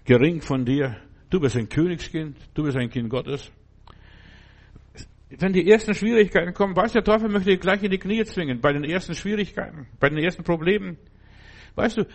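Fervent preacher man. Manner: fervent, addresses listeners as "verstehst du"; swings from low murmurs to loud outbursts. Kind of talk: sermon.

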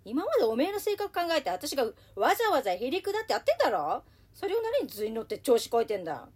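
A woman playing a cheerful female radio host who is polite and bright on air but turns rough and blunt off air. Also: sits high, wildly swooping pitch, quick pace, full character voice. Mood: rough, scolding. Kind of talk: comedy radio sketch.

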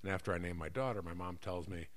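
A deep-voiced, middle-aged American man speaks quickly in a casual comedic conversation. Animated and rambling, he frequently stops to correct what he just said.

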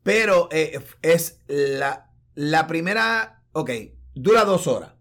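Animated man reviewing films. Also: fairly high pitch, slow pace. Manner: animated, mixes English into Spanish, many restarts. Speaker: podcast co-host. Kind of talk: casual film review chat.

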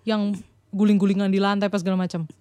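A woman co-hosting a casual podcast chat as a parenting counselor, encouraging and quick to agree. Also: medium pitch, level tone, dark tone, no room sound. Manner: encouraging, frequent agreeing backchannels.

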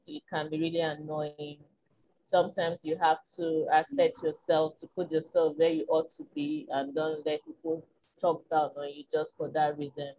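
Her voice small, tiny, and slightly low, a Nigerian woman talks as an interview guest at normal speed, with flat delivery and crowd noise behind her. She is frank and reflective in this candid chat, thinking aloud with soft ums and gentle laughs. The audio is a little muffled and dull in the highs.

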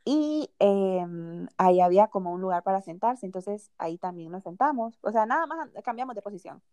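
A young woman hosting a podcast, casually telling a personal story in an animated way, often laughing along. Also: mid-range voice, moderate pace, no echo. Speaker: podcast host.

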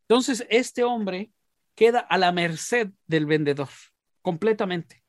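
A man's voice: sits high, lively intonation, takes it slowly, no echo, clean studio sound. A man preaching a sermon, telling a parable in a conversational way with frequent restarts and repeated words. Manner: conversational, with many restarts and repetitions. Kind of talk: storytelling sermon.

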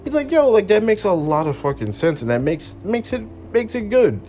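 Young man, frustrated profane rant, lively swooping pitch, somewhat high voice, faint music behind. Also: moderate pace. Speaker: podcast host. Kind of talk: late-night solo rant. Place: room at home at night.

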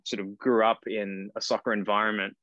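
Australian man, early thirties, guest actor: low voice, loose and rambling, dry lo-fi call sound. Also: level tone, fairly quick, sharp tone, no room sound. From Cairns, far north Queensland, Australia. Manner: rambling, self-correcting, laughs at himself. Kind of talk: casual podcast interview. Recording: dry, dull lo-fi call audio.

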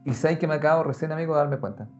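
A man, talking in a casual, animated way and speaking straight to the listener. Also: a little high, rapid-fire. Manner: animated, conversational, addresses the listener directly. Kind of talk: casual explanatory talk. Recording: muffled lo-fi sound with faint music.

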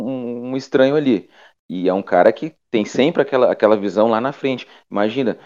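A man giving measured opinions in a casual football debate. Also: fairly low pitch, warm tone. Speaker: football pundit. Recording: slightly muffled audio.

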